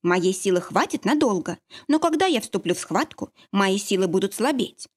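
A woman's voice: medium pitch, expressive, normal speed, lightly acted. A woman reading an audiobook, voicing a fierce young heroine who snaps and growls orders. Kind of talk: audiobook character voice.

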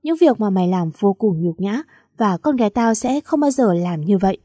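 A woman reading the part of a stern, heartbroken aging father who shouts at his daughter. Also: mid-range voice, lively intonation, moderate pace, husky, dry recording, studio quality. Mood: cold. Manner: shouting in anger.

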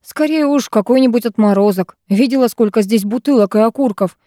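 A woman's voice: fairly high pitch, fairly quick, mellow, no echo, studio quality, lightly acted. A woman reading an audiobook, voicing a skeptical, irritable teenage boy who scoffs and dismisses.

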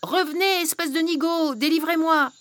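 A woman reading a storybook aloud, voicing a cruel, greedy old witch who snarls, shouts and barks orders. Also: on the high side, animated, measured pace. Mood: furious.

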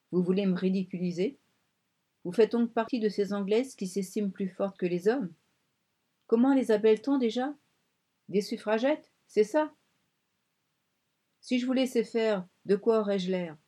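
A woman reading as a scornful island strongman. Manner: curt and scornful, lowers to a breathless hush. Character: proud, domineering male island strongman, former singer. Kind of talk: audiobook character reading.

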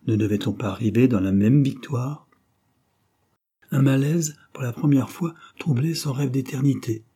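A man reading a classic novel aloud as an audiobook narrator, in an even, measured way. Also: mid-range voice, slightly rough.

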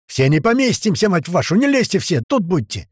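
A man voicing a furious male squad leader who yells orders and curses. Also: sits high, big pitch swings, a little fast, husky, no echo, studio quality, voice pushed up, full character voice. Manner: yelling orders, cursing.

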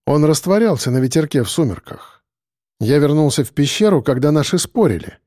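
Dark-toned male audiobook narrator. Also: on the high side, big pitch swings, brisk, no room sound, clean studio sound.

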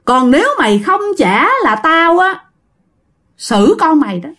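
A woman's voice: mid-range voice, animated, normal speed, warm tone, breathy edge. A woman voicing a vengeful old male ghost who threatens harshly in a raised voice. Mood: menacing.

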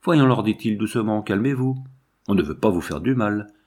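A man's voice: on the low side, expressive, darkish tone. A man reading aloud and voicing a severe but kindly older householder. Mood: gentle. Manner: measured, severe.

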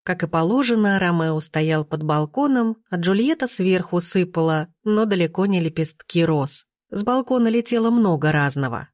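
A woman reads an audiobook in a measured, unhurried voice. Her tone sits low. The sound is dry and close. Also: lively intonation, darkish tone, dry recording. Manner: slow, measured delivery. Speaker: audiobook reader. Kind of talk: audiobook narration.

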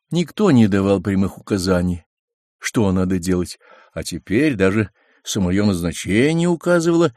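Male audiobook narrator, lowish voice, lively varied delivery, dry close studio sound. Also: no echo. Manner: measured, expressive reading.

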